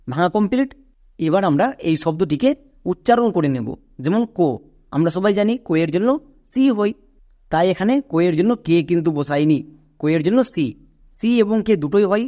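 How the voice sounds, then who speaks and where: Man, high voice, patient English teacher, repetitive step-by-step explaining, asks questions. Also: mellow. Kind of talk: spelling and pronunciation lesson.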